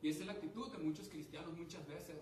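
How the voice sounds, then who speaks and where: A man preaching a sermon with passion, asking the congregation questions and building to loud calls. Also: a little high, quick pace. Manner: impassioned, rising to loud exhortation; asks the congregation rhetorical questions. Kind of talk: evangelical sermon. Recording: echoey hall, mic some distance off, faint background hiss.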